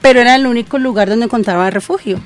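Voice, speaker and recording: Colombian grandma on the radio, lively, telling her testimony, soft music behind. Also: on the high side, fast. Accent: Colombian Spanish. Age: older. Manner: animated testimony. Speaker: radio listener guest. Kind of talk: casual on-air chat.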